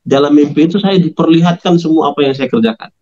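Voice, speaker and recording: A man telling his conversion story in an interview, animated, acting out quoted dialogue in a raised voice. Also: fairly high pitch, fast, lo-fi sound. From Medan, North Sumatra.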